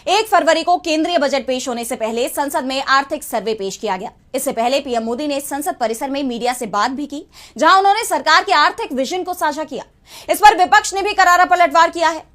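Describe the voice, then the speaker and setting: High-pitched woman news anchor. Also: brisk, fairly bright tone. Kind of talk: scripted news presentation.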